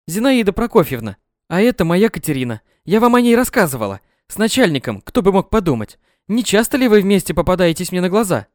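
A loud, domineering middle-aged mother, put on by a man in a high, nagging register for a storybook reading. She scolds and overdramatizes, her voice leaping up and down. The sound is close and dry. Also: very animated, fast, dry recording. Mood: brisk cheerful. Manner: shrill, scolding, melodramatic.

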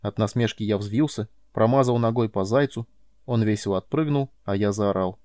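A man reading a novel aloud as an audiobook, narrating in the first person with an even storytelling delivery. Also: fairly low pitch, moderate pace, no echo, clean studio sound. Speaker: audiobook reader.

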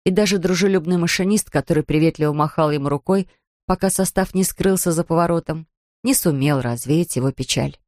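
A woman narrates a storybook in a fairly low, steady voice with expressive phrasing. The recording is dry and close. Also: a little fast, dry recording. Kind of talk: storybook reading.

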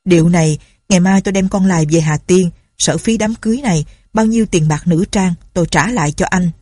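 The bride's insulted father scolds with fury, as a woman narrator puts him on. The voice is low, husky and mellow, recorded dry and close. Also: a little fast, no echo. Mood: indignant. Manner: indignant scolding.

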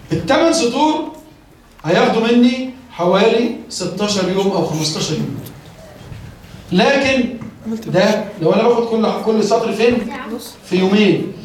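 High-voiced Egyptian man lecturing in an echoey room. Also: slight background noise. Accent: Egyptian Arabic. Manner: explains step by step, asks rhetorical questions and answers them. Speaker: teacher trainer. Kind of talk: lecture on teaching children to read. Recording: very echoey room, mic far off.

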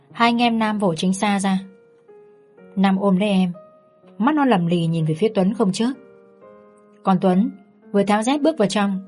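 A woman narrating a family drama story in a steady, heartfelt reading. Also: mid-range voice, husky. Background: faint background music.

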